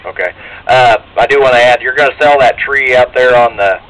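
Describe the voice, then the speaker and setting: A man's voice: mid-range voice, a little fast, a bit bright. A middle-aged man, announcing as a plain-spoken, folksy auctioneer at a live sale. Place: outdoors at a tree lot, from an auction truck. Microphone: handheld PA microphone, filmed by bystander's camera. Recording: noisy outdoor PA recording.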